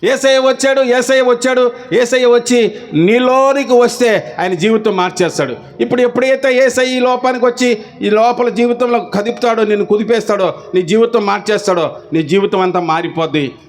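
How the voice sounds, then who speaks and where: A man's voice: sits high, a little fast. A man with a Telugu accent preaching a sermon as pastor, firing rhetorical questions and urging the crowd to answer back. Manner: rhetorical questions and repeated call-and-response urging.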